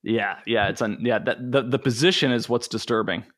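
A man's voice: medium pitch, fairly quick. A man talking as a podcast guest, telling crude stories in a loose, laughing way. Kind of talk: casual comedic podcast chat.

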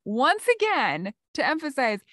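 Lively, laughing woman telling stories. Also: sits high, unhurried, no echo, studio quality. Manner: chatty, laughs often while telling stories. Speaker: podcast co-host. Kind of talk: casual chat.

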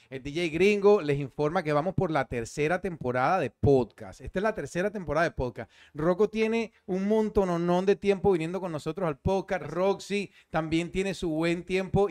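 A Venezuelan man with a somewhat high voice hosts a podcast. He talks in casual, slangy banter and often repeats his phrases for emphasis. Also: moderate pace, few pauses, darkish tone. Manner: informal, slangy, repeats himself. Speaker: podcast host.

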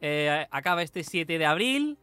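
A man hosting a casual podcast about anime, relaxed and trailing off as he talks. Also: fairly high pitch, unhurried, no room sound, soft background music. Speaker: podcast host.

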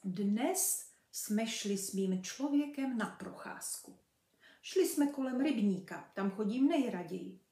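A woman reading a children's storybook aloud with lively, expressive narration. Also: fairly high pitch. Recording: roomy, from a distance.

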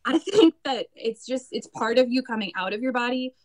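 A woman choir teacher chatting with a colleague, her voice sitting a little high. She tells quick stories and acts out what others say. She laughs often as she talks. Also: animated. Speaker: choir teacher, podcast co-host. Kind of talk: casual chat.

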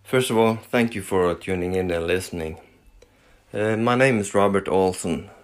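A Norwegian man hosts a casual solo podcast in English, his second language, with a Norwegian accent. His voice is low-pitched, and he pauses often, using many fillers and restarting sentences.

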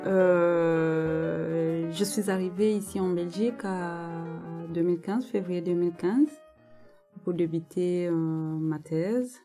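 A woman in her thirties from the Congo, explaining her research in a thoughtful way with frequent pauses. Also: on the low side, steady tone, over music. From Democratic Republic of the Congo, North Kivu. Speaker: guest researcher. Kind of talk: interview, personal account.

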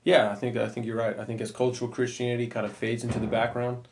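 A man hosting a casual church podcast, talking in a relaxed, chatty way with plenty of fillers, and he has a wife and kids. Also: mid-range voice, fast talker. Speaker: podcast host.

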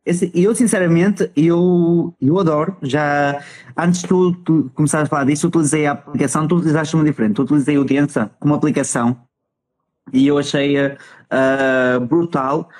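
Higher-pitched European Portuguese man hosting casually. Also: fairly even intonation, normal speed, a little mellow, poor audio. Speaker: host. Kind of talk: casual chat.

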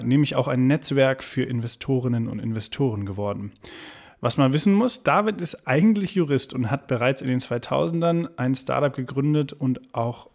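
A man's voice: mid-range voice, vocal fry, a little mellow. A man hosting a podcast, reading a scripted welcome and then interviewing a guest in a friendly way. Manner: friendly, scripted intro, laughs along. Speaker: podcast host.

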